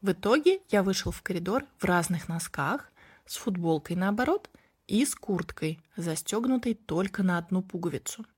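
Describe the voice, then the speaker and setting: A woman reading a children's story aloud in a gentle, even way, telling it as a small boy. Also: lowish voice, moderate pace, husky. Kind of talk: storybook narration in first person as a small boy.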